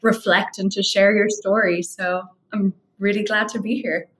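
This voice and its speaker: A young Irish woman from Dublin, a guest on a video call, speaking in an articulate, measured way about her life. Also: mid-range voice, steady tone, a bit bright. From Ireland. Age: young adult. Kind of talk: reflective interview storytelling.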